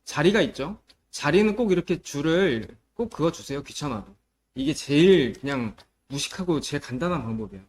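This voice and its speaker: A man's voice: on the high side, expressive, fairly quick. A man teaching a middle school math lesson, explaining step by step and often checking that students follow, moving between polite and casual speech. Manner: explains step by step and checks understanding with repeated questions.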